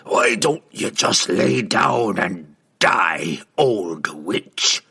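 A man voicing the bitter ghost of an old dwarf king, with a gravelly voice and slow, forceful contempt. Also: deep voice, lively intonation, heavily acted.

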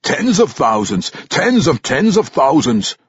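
A man voicing a gruff old male dwarf veteran with a put-on Scottish-style brogue, blunt and scolding. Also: a little high, big pitch swings, unhurried, no echo, muffled recording, voice pushed up, heavily acted. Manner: scolding, plain-spoken.

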